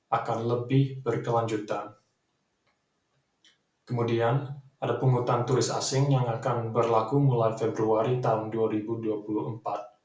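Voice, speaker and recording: A man with an Australian accent is heard from a distance in a roomy, echoing space. He is a native English speaker speaking Indonesian as a foreign learner, carefully delivering a formal contest speech at a middling pitch. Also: a little mellow. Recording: roomy echo, distant microphone.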